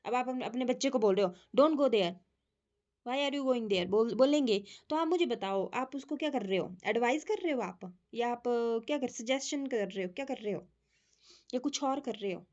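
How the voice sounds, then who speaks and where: A woman's voice: a little high, expressive, fairly quick, a little mellow, dull audio. A woman teaching an English grammar class online, explaining step by step and checking in with her students.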